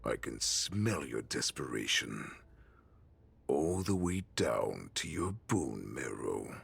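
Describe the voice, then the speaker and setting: An actor playing a cruel, gloating wolfish beast warlord in a video game, talking slowly and mockingly. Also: male voice, big pitch swings, fairly bright tone, exaggerated voice. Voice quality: deep gravelly growl. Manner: slow, mocking, savoring every threat.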